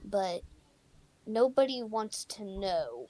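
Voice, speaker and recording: A teenage girl co-hosting a casual podcast chat, pausing often with ums. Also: mid-range voice, big pitch swings, a crowd in the background. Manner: hesitant, many ums. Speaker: co-host.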